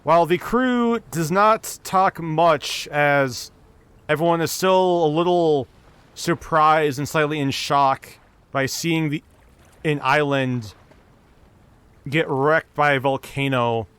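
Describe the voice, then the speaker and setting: Smooth-voiced man narrating a tabletop game. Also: on the high side, slow. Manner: steady storytelling narration with small restarts. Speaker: dungeon master.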